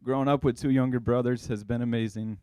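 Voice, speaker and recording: A man's voice: medium pitch, steady tone, fast, warm tone, smooth, dry recording. A young man giving an earnest, heartfelt wedding toast as the groom's older brother.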